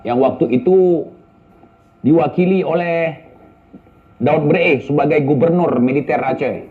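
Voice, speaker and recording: A man's voice: on the high side, unhurried. Blunt man, tinny audio. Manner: blunt, scolding, rhetorical questions. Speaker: online speaker answering viewer questions. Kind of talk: casual spoken commentary.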